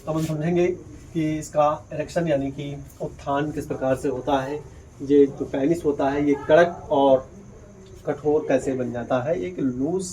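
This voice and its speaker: A man's voice: fairly high pitch, dark tone, rough recording. A man teaching a biology lesson at a board, explaining step by step and asking questions he then answers himself. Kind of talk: whiteboard lesson.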